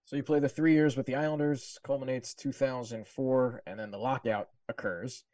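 A man's voice: medium pitch, fairly even intonation, moderate pace, darkish tone, no echo. A man hosting a podcast, laying out career details and names before asking his guest a question. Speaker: podcast host. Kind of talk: interview questions.

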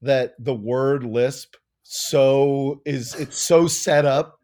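A man making wry, quick asides in casual chat as a podcast co-host. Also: medium pitch, fairly even intonation, darkish tone.

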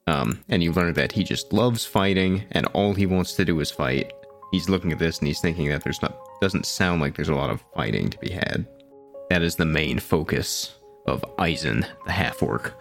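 A man's voice: sits low, moderate pace, gravelly, faint music behind. A man chatting casually and narrating during a tabletop role-playing game.

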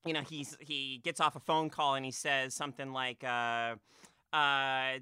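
Bright, crisp-voiced man chatting about film. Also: medium pitch, a little slow, no echo, clean studio sound. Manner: animated, filler-heavy, frequent restarts. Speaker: podcast co-host. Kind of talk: casual film discussion.

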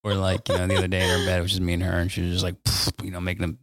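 Deep-voiced man rambling through family stories. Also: completely flat delivery, very fast, no echo, studio quality. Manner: rambling, playful storyteller with many fillers. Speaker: podcast co-host. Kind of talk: casual family chat.

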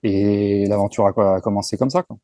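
A man in his forties, speaking as an interview guest in a relaxed, frank way, often pausing and restarting his sentences. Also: lowish voice, no echo, studio quality. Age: 40s. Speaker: entrepreneur guest. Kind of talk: casual conversational interview.

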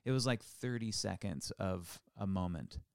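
A man's voice: low voice, normal speed, creaky, darkish tone, clean tone, no echo, studio quality. A man in his forties co-hosting a podcast, chatting casually with playful teasing and rambling restarts. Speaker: podcast co-host. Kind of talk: casual chat.

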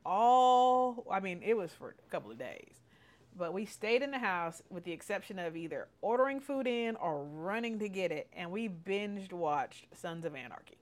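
A woman's voice: medium pitch, animated, normal speed. A middle-aged woman hosting a podcast, telling candid personal stories in casual chat, laughing often and swearing freely. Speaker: podcast host.

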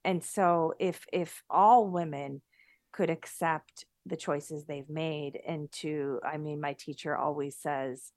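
A woman's voice: deep voice, slow pace, no echo. A middle-aged woman talking earnestly in a conversational interview over a remote call, often restarting her sentences. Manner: earnest, animated, many restarts. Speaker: guest.

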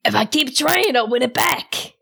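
A woman's voice: high voice, lively intonation, moderate pace, vocal fry, pushed and bright, breathy edge, full character voice. A woman playing a stubborn, feisty gambler in a tabletop game, insistently chasing her losses.

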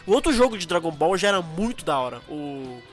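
A young man with a Brazilian accent chats casually on a podcast. He speaks rapidly in a fairly high voice, with plenty of slang and enthusiasm, over faint music. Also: sing-song. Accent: Brazilian Portuguese. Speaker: podcast co-host. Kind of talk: casual chat.

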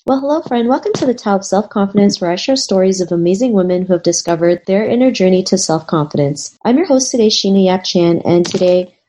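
A woman's voice: medium pitch, fast talker, hardly any pauses, warm tone. A woman hosting an interview podcast, who keeps thanking and affirming her guest. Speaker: podcast host.

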